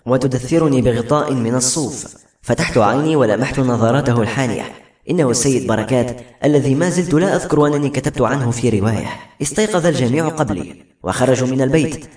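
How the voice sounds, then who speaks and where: A man reading a novel aloud in steady, earnest scripted narration. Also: mid-range voice. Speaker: audiobook narrator. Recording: roomy echo.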